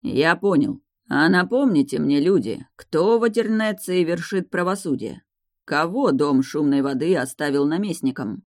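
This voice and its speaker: A woman's voice: low-pitched, animated, no room sound, clean studio sound. Lorenzo, a woman voicing a drawling mocking lord. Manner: slow, drawling, coolly ironic. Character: mocking stern male lord on horseback.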